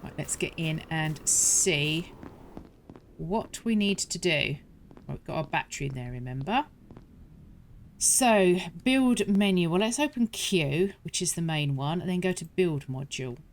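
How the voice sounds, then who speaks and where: A woman's voice: on the low side, expressive, measured pace, a little hiss or hum. A woman hosting a gaming channel, talking through a survival game step by step in a chatty, self-correcting way. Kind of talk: game walkthrough commentary.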